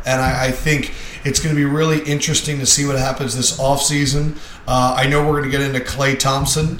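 A man's voice: mid-range voice, fairly bright tone. A man hosting a sports podcast in a casual, upbeat, wisecracking way, his voice echoing as if recorded in a cave. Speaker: podcast host. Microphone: podcast microphone. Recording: echoey cave-like room sound with faint background hum.

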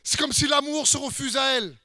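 Male preacher, very high and bright, emphatic and repetitive, dry close sound. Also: fairly quick, no echo. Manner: emphatic, with repeated hammering phrases, sometimes shouting; speaks straight to the listener with questions. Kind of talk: sermon.

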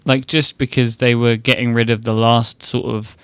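A man's voice: mid-range voice, level tone, moderate pace, fairly bright tone, clean tone, dry recording. A man talks loosely on a tech podcast and jokes with his co-host. He fills his speech with "like", and the sound is dry and close. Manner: loose, joking, hedging with "like". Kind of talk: casual tech chat.

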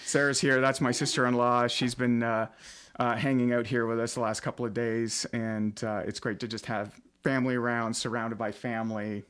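Chatty podcast host, late thirties. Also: male voice, medium pitch, little pitch movement, moderate pace, a bit bright, clean tone. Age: late 30s. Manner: chatty, rambling with many fillers. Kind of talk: casual podcast chat. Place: home basement studio.

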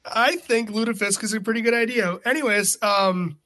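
A man's voice: high-pitched, normal speed, bright, forceful tone. A man hosting a sports podcast, chatting casually and teasing his co-host. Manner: joking, teasing banter.

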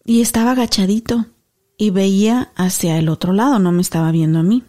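A woman's voice: medium pitch, brisk. A woman in her thirties, a podcast co-host, telling a story casually and acting out the voices of the people in it. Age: 30s. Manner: animated storyteller, acts out dialogue.

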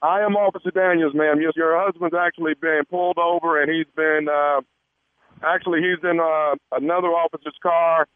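Calm man posing as a police officer over the phone. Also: on the high side, moderate pace, dry recording. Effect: heard over the phone. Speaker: radio prank caller. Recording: tinny phone line, dry.

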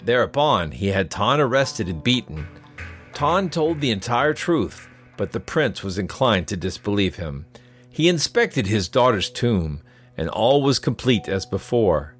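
A man reading a traditional tale as a scripted, expressive storybook narration. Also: lowish voice, a little slow, faint music behind.

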